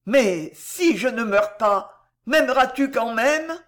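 A reader doing a soft-spoken dying dwarf man. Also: a little high. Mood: weak. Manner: soft, slow, faltering. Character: gentle, dying male dwarf, timid and devoted. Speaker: storybook character. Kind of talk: dramatic audiobook reading.

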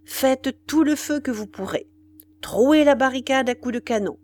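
A woman voicing a resolute young male commander giving brisk, decisive orders for an audiobook. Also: sits high, a little mellow, pitched above the performer's own voice. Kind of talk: audiobook character voice.

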